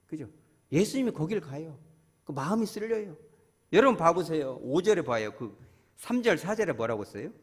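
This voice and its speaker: Man preaching, pastor, husky voice, lively rising and falling pitch, long church-hall echo. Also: normal speed. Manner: animated, asks the congregation questions. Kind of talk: sermon. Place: church sanctuary.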